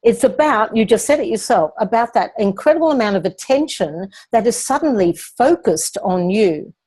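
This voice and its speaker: Calm woman coaching public speaking. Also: on the high side, moderate pace, breathy edge. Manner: calm, explanatory, guiding through visualization. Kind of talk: live online coaching session.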